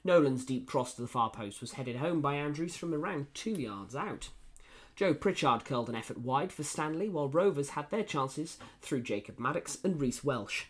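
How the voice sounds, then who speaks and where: A man's voice: fairly high pitch, lively intonation, normal speed. A man presenting a football results roundup, reading match reports from a script.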